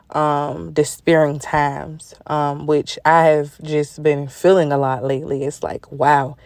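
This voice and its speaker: A woman's voice: sits low, no room sound. A young woman with a parent's life, hosting a podcast devotional and talking in an informal, conversational way with laughing asides. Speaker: podcast host. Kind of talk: devotional encouragement talk. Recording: dry close recording.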